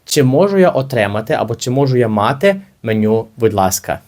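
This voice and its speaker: Lively man teaching slow phrases. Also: mid-range voice. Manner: slow, careful model phrases between lively explanations. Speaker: English teacher. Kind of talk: language lesson, teaching.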